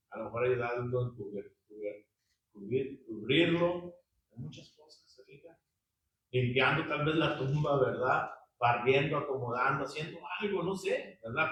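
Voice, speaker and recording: A man's voice: mid-range voice, fairly bright tone. A man teaching a Bible study, reading scripture aloud and asking his listeners questions, with frequent tag questions. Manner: conversational, asks the group questions, frequent tag questions. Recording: echoey room, voice from a distance.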